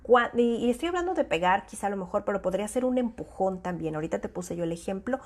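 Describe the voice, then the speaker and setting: A woman's voice: mid-range voice, animated, fast, darkish tone. A woman psychologist gives parents an informal talk. She explains her points through everyday examples and sometimes acts out the voices she quotes. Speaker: child psychologist.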